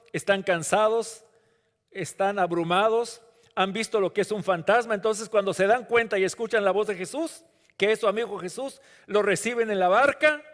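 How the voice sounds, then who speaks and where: Man pastor with a Latin American Spanish accent, high voice, sermon delivery, church reverb. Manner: swings between hushed, drawn-out lines and rising, emphatic calls. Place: church sanctuary. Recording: long hall reverb.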